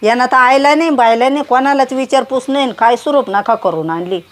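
A woman's voice: sits high, brisk, close to an everyday voice. A woman playing an indignant village woman ranting about an unwanted son-in-law. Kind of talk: comedy sketch acting.

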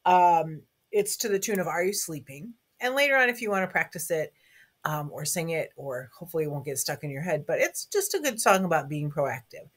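A woman with a hoarse morning voice giving a school's morning announcements to young children, chatty and friendly, talking to a camera. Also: low voice, very animated, a little fast. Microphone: speaking to a camera.

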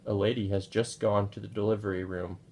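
A man reading as a brisk, polite nurse. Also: lowish voice, flat delivery, darkish tone, slight background noise, lightly acted. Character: brisk, helpful female hospital nurse.

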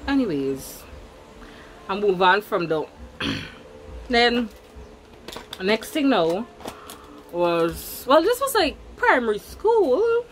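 A woman's voice: fairly high pitch, very animated, extremely slow, pauses often, slight background noise, low-quality recording. A young woman with a Guyanese Creole accent tells a personal story in casual chat, repeating words for emphasis. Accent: Guyanese Creole English. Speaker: vlogger.

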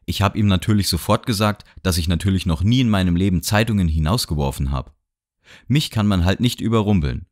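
A man voicing a talkative middle-aged gentleman on a train who rambles and lectures cheerfully. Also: low voice, fairly quick, lightly acted. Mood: boastful. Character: chatty middle-aged gentleman traveler, boastful and nosy. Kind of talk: audiobook character voice. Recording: dry studio sound.

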